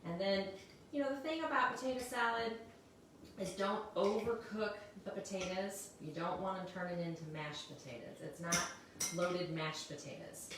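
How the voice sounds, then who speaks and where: A woman's voice: medium pitch, moderate pace. A woman from Missouri co-hosting a casual cooking demonstration, chatty, explaining steps and laughing often. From Missouri, United States. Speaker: cooking show co-host. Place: home kitchen. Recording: echoey kitchen, mic far off, loud kitchen noise.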